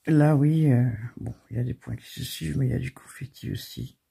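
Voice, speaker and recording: A woman hosting a crafting channel, showing off her craft supplies in a chatty, halting way with many fillers, and often giggling and teasing herself. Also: a bass voice, steady tone, vocal fry, mellow, husky. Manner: giggly, self-mocking. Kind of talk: casual show-and-tell of craft supplies.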